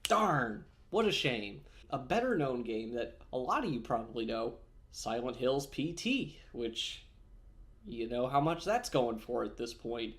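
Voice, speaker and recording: Munching almonds as he goes, a man chats casually in his gaming vlog, rambling, full of fillers and correcting himself. His voice is medium-pitched and sing-song, and he speaks a little slowly.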